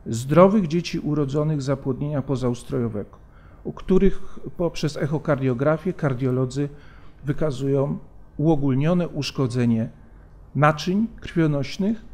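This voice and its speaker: Middle-aged male lecturer, fairly high voice, halting delivery with fillers, lectern mic in a big hall. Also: a little mellow. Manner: measured, hesitant with frequent fillers and restarts. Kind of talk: academic conference lecture. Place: large conference hall, at a lectern. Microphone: lectern microphone.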